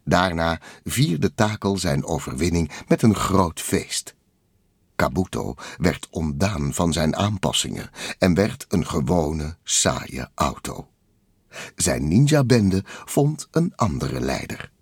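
A man narrating a children's storybook in a lively, expressive way. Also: deep voice, takes it slowly, slightly rough, dry recording, clean studio sound. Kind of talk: storybook read-aloud narration.

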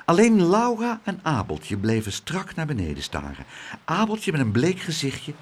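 A man narrating a children's storybook in an expressive, dramatic way. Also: a little high, normal speed.

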